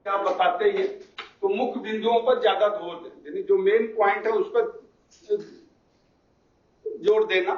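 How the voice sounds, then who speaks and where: A man lecturing trainee teachers, explaining points and slowly repeating key English phrases. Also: high-pitched, fairly even intonation, slight background noise. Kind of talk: classroom lecture. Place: classroom. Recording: echoey, distant, dull classroom recording.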